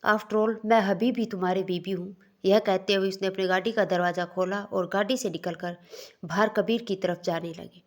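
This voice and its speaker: A woman's voice: mid-range voice, darkish tone. A woman narrating a romance story, reading every part herself with small slips and restarts.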